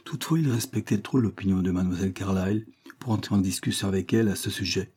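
Brief: male audiobook narrator, low, dark and husky, measured. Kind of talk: scripted narration.

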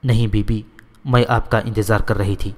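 A man's voice: on the low side, fairly even intonation, a little mellow, long reverb tail, close to an everyday voice. A man voicing a devoted, simple-hearted female house maid in a storybook reading, in his own plain voice. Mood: devoted, pleading.

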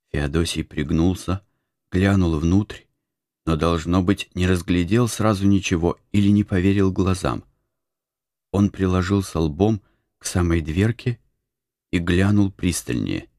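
Low-voiced guy reading an audiobook, dramatic telling, very dry close sound. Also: measured pace, no echo. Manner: dramatic, expressive storytelling. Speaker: audiobook narrator. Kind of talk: scripted narration.

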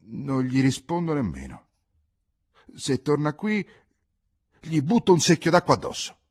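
A man voicing a defiant, sharp-tongued young peasant woman in a literary audiobook reading, pushing his voice higher and speaking with heat. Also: very animated, moderate pace, vocal fry, slightly rough, no echo, full character voice.

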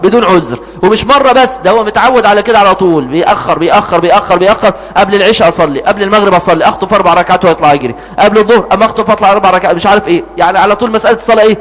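A man with an Egyptian Arabic accent preaching a sermon, animated and throwing rhetorical questions at his listeners. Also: high voice, big-room sound, low-quality recording.

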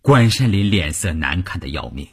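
A man reading a novel aloud for radio, highly expressive, sinking to whispers and swelling again. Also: moderate pace, husky.

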